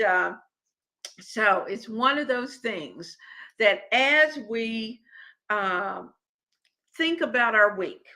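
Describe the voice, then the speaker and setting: Chatty middle-aged lady cooking host, bright voice, kinda high, rambles and restarts a lot. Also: rough recording. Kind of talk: live-stream chat with viewers.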